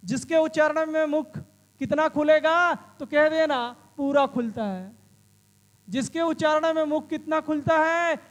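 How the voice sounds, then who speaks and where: A man's voice: very high voice, long reverb tail. A male teacher giving an exam-prep lesson, asking the class questions and answering them himself, and calling the students friends.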